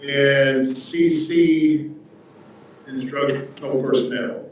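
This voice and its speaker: A man, the superintendent, giving formal recommendations over a video call in a slow, measured way. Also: mid-range voice. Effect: remote video call audio. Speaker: school superintendent. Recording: echoey, distant call audio.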